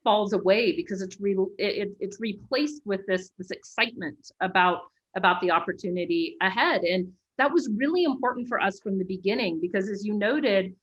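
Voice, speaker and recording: A businesswoman being interviewed speaks in a voice of middling pitch. She explains things clearly and steadily, and she keeps checking in with a quick "right?". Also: dull audio. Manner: articulate, often adds a checking "right?". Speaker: guest executive. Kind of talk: interview answers.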